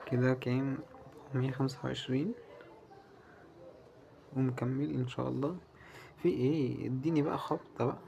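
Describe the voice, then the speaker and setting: A man with an Egyptian Arabic accent giving live commentary as he plays a slot game, muttering and pleading with it and breaking into loud cheers. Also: mid-range voice, flat delivery, moderate pace, vocal fry, long pauses, a little hiss or hum. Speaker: gamer playing a slot game.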